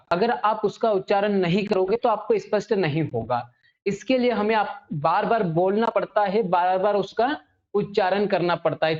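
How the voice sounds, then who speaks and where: A woman teaching a Hindi grammar lesson to students. She often checks in with "ठीक है?" and slows right down to spell out sounds and definitions. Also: medium pitch, darkish tone. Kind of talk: online classroom lesson. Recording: slightly dull lo-fi audio.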